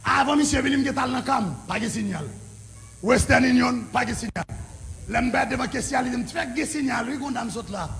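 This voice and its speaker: A male pastor with a Haitian French accent telling his story in a sermon, excited and often breaking into shouts. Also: extremely high pitch, moderate pace, gravelly, a little hiss or hum. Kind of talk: preaching sermon testimony.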